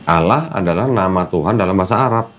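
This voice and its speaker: A male Islamic teacher, speaking fast in a low, expressive and slightly bright voice, patiently walks a convert through religious practice step by step. They're chatting casually in an air-conditioned room, he repeats the key terms, and there's a bit of background noise.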